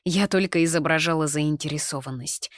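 A woman reads a first-person story aloud in a calm, measured way. Her voice sits fairly low. The recording is dry and close, with no room sound. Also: no echo. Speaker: narrator. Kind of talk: audiobook narration in first person.

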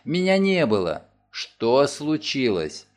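A man voicing a calm, terse middle-aged lawyer, asking short clipped questions in a lower, level voice for an audiobook. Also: takes it slowly. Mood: curt.

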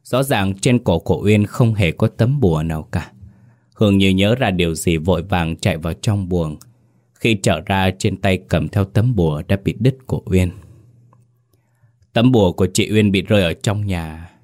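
A man with a very deep voice narrates a ghost story. He reads in a measured, suspenseful way. His low register stays steady throughout. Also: no room sound, studio quality. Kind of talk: scripted horror story narration.

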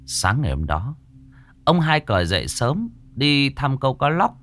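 A man narrating a scripted horror story in a dramatic, expressive way. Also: medium pitch, moderate pace.

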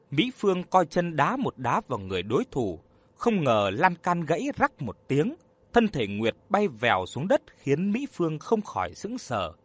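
A man narrating a dramatic story aloud, expressive and voicing each character. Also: fairly high pitch, dry recording.

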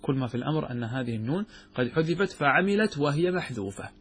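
A man's voice: medium pitch, animated, fast, slight background noise. A man teaching a classroom grammar lesson, explaining step by step and asking his students questions that he then answers himself.

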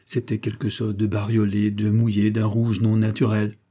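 A man reading a literary story aloud as an audiobook narrator, in a measured, grave way. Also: lowish voice, completely flat delivery, mellow. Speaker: audiobook reader.

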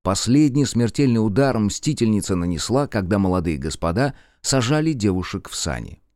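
A man narrating an audiobook with expressive storytelling. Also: lowish voice, normal speed, no room sound, clean studio sound.

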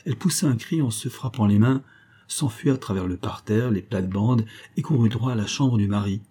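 Husky, dark-voiced male storyteller. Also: on the low side, a little fast. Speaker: narrator. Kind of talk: scripted audiobook narration.

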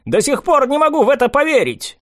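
A man's voice: very high-pitched, huge pitch swings, fairly quick, a bit bright, no echo, clean studio sound, voice pushed up, exaggerated voice. A man voicing a short, bearded male baron who exclaims in astonishment. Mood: astonished.

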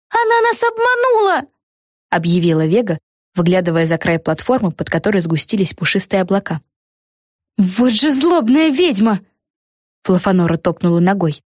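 A woman narrating a children's storybook in clear, expressive storytelling. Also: lowish voice, no echo, studio quality. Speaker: audiobook narrator.

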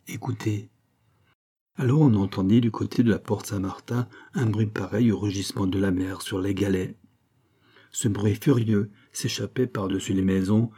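Husky-voiced male audiobook narrator. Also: on the low side. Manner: steady, measured literary reading. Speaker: audiobook reader. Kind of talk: scripted narration.

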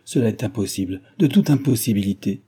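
A man's voice: fairly low pitch, expressive, brisk, dark tone, husky. A man reading aloud, voicing an earnest young woman who pleads her case in an old novel. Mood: distressed.

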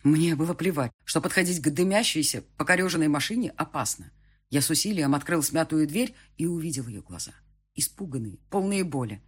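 A man narrates a first-person audiobook in a tense, emotional way. His voice sits a bit high and sounds husky and breathy. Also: expressive, brisk.

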